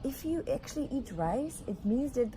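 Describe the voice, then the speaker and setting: A woman's voice: sits high, sing-song, moderate pace. Hesitant woman host amid crowd chatter. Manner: hesitant, with restarts and fillers. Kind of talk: casual interview.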